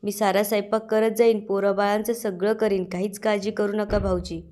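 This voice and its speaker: A sharp-tongued, scheming middle-aged aunt who bosses and scolds the people around her, as a woman reads her lines. She talks in a plotting, bossy way. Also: mid-range voice, flat delivery, normal speed, natural voice.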